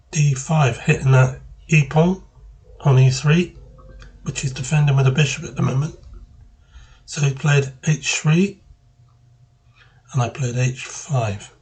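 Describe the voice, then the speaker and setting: A man giving casual move-by-move commentary on his own chess game, thinking aloud and pausing mid-phrase. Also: mid-range voice, a little mellow.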